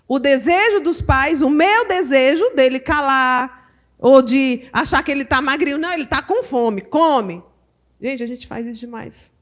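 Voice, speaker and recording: A Brazilian woman teaching at a women's church conference, animated and full of rhetorical questions to her audience. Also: high voice. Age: adult mother. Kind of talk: lively teaching talk to a live audience.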